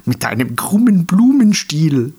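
A man's voice: medium pitch, sing-song, a little slow. A man voicing a cheeky rowdy dandelion. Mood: playful teasing. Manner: teasing, playful. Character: cheeky rowdy male dandelion, jokey troublemaker. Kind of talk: storybook reading.

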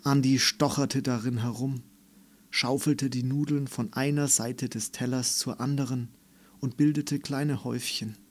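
Slow, calm male storybook narrator. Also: medium pitch.

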